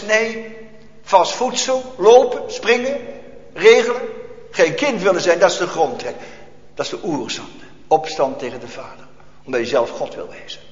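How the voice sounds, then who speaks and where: A man preaching a sermon with fervor, swinging between loud outbursts and hushed passages. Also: high-pitched. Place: church. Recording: echoey church hall, dull lo-fi.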